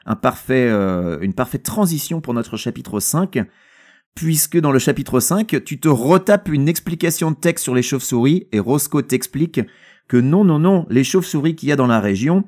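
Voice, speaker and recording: A man's voice: medium pitch, expressive, moderate pace, darkish tone. A man co-hosting a casual podcast about a novel, joking and rambling with many fillers. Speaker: podcast co-host. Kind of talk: casual book discussion.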